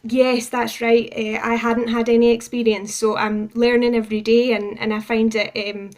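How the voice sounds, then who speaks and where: Speaking at a normal speed with a flat delivery, this woman's voice is on the high side and a little mellow. As a charity campaigns manager giving a radio interview, she sounds earnest and appreciative while sharing information.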